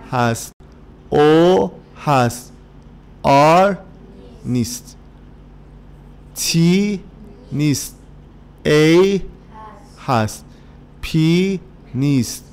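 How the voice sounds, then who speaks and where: A man teaching an English workbook lesson to children, speaking Persian with a Persian accent and drilling words and letters slowly, one by one. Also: fairly high pitch, darkish tone, slight background noise.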